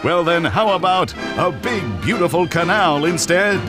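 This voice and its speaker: A man's voice: sits high, unhurried. A male ad announcer in a sarcastic propaganda tone, narrating in the style of a 1940s newsreel. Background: music.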